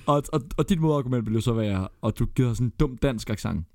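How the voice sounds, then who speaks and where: A man with a Danish accent co-hosting a chatty podcast, with a gravelly, creaky edge to his middle-pitched voice. He talks bluntly and swears freely as he works through a ranked list, and the sound is dry and close. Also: animated, darkish tone, no room sound. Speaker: podcast co-host. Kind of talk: casual chat.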